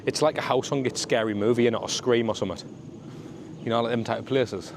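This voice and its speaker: Male travel vlogger, Sunderland accent, colloquial and matey, mid-pitched, walking outdoors with some traffic noise behind. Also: fast, vocal fry. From Sunderland, north-east England. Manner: colloquial, matey, full of regional slang. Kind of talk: casual walking vlog chat to camera. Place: outdoors on a suburban street in the rain.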